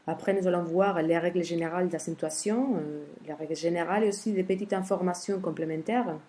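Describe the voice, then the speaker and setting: A woman teaching a grammar lesson in French, speaking slowly and carefully, with many soft "hmm" pauses between steps. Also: lowish voice. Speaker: Spanish teacher.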